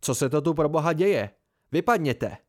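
A man's voice: on the high side, expressive, close to an everyday voice. A man voicing an arrogant young nobleman who spits insults and barks orders in an audiobook scene. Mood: furious, spiteful. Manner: spiteful, shouting orders. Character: arrogant rich young nobleman, furious bully.

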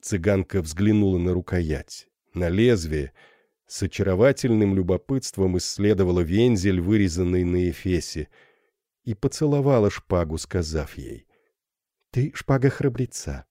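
A man reading a classic novel aloud as an audiobook narrator, measured and expressive. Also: low voice, no room sound, clean studio sound.

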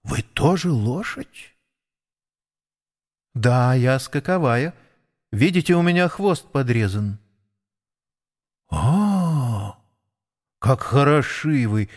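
A man's voice: mid-range voice, lively intonation, extremely slow, pauses often, heavily acted. A man voicing a young racing mare who speaks earnestly and with wonder in a storybook. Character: young golden racing mare, eager and kind. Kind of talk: audiobook character voice.

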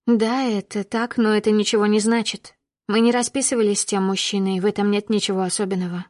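A woman narrating a first-person audiobook with steady storytelling that rises with emotion in dialogue. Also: mid-range voice, brisk, dry recording, clean studio sound.

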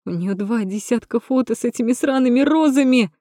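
A woman's voice: fairly high pitch, a little fast, no room sound, clean studio sound, voice pushed up, close to an everyday voice. Woman voicing a shrieking hysterical young woman. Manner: shrieking, voice cracking from yelling.

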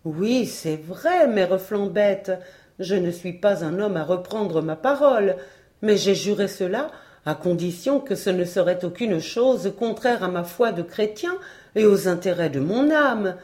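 A woman's voice: medium pitch, expressive, measured pace, a little mellow, close to an everyday voice. Woman reading as a frightened stubborn shepherd. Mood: protesting. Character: humble young shepherd man, frightened, stubborn. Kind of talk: storybook reading.

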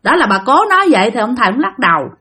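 A woman with a Southern Vietnamese accent telling a ghost story in an animated way, speaking straight to her listeners. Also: a little high, rapid-fire, slightly rough. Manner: animated, addresses listeners directly. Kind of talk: spoken ghost story narration.

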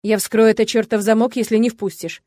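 Woman narrator doing a young male lover, pushy and hoarse; audiobook, dry studio sound. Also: medium pitch, normal speed, dark tone, dry recording, natural voice. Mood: angry demanding. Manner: hoarse, demanding growl. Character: pushy, rough young man, a demanding lover. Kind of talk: audiobook narration with voiced characters.

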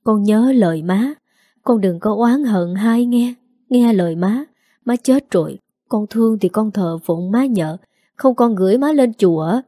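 A frail old mother speaks her last words , voiced by a woman narrator. Her voice is mellow and slow, broken by tears, as in a spoken storybook. It sounds close and dry. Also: medium pitch, expressive, no echo. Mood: weak pleading. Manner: slow, faltering, tearful.

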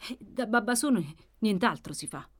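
A woman voicing a shrewd, wary male innkeeper in an audiobook, brisk and guarded with forced ease. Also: mid-range voice, animated, husky. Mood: evasive. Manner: brisk, guarded, falsely casual. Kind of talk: audiobook character reading.

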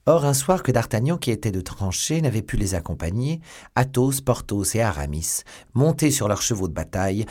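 A man narrating a classic novel as an audiobook, with expressive storytelling that swells at dramatic moments. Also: lowish voice, breathy edge.

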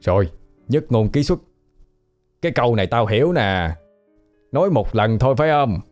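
A man's voice: mid-range voice, very animated, moderate pace, a little mellow, soft background music, lightly acted. A man voicing a coarse, teasing male ghost who has haunted a house for a century, talking in blunt slang.

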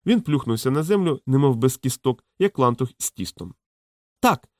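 A man narrating a fantasy audiobook in a steady, measured storytelling voice. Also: medium pitch, dry recording, clean studio sound. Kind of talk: scripted narration.

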